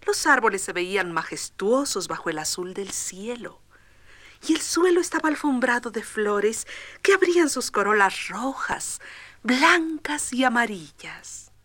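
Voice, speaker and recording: Expressive woman storyteller, dry studio. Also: medium pitch, no room sound. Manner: expressive and tender. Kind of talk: storybook record narration.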